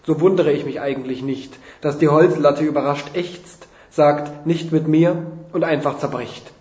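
A man's voice: a little high, normal speed, darkish tone. A man reading a funny first-person story aloud in a dry, mock-dramatic way. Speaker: reader of a humorous story. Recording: roomy, dull lo-fi sound.

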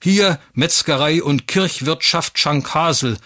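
A man's voice: a little high, slow pace, sharp tone, dry recording, studio quality. A man reading as a grumbling village innkeeper. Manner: grumbling, testy. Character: gruff middle-aged male village innkeeper. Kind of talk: read-aloud story.

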